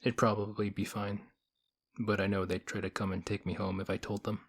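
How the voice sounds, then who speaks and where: A slightly rough, lowish male voice voices a reserved, quietly affectionate nerd in an intimate audio roleplay. The delivery is deadpan and measured, the mood subdued and matter-of-fact.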